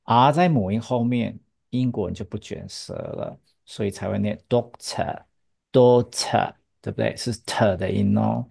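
A woman's voice: very deep voice, moderate pace, gravelly, darkish tone, slightly rough. A woman teaching English pronunciation, explaining patiently in Chinese and drilling each word with a student. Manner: patient, drills words, asks rhetorical checks. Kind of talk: bilingual English pronunciation lesson.

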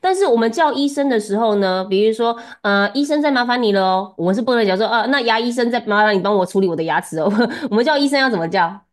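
A woman's voice: a little high, animated, fast, hardly any pauses. Chatty woman tutoring Japanese. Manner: chatty, laughs often, coaches pronunciation. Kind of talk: one-on-one language lesson.

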